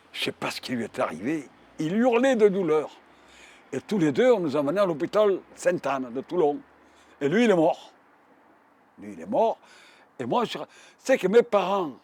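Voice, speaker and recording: Speaking with a Marseille accent, a Provençal man in his nineties vividly shares his memories of the war as a veteran witness in an oral history testimony, frequently repeating himself. His voice is high-pitched with a darkish tone.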